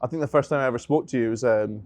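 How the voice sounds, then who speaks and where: A man hosting a casual chat, who teases his guest in relaxed banter. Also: mid-range voice, racing, a crowd in the background. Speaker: host, rugby player.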